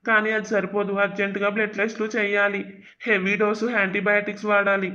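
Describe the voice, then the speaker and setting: An actor voicing a cold, matter-of-fact private hospital doctor in a cartoon drama. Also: male voice, high-pitched, completely flat delivery, fast, pushed and bright, dull audio.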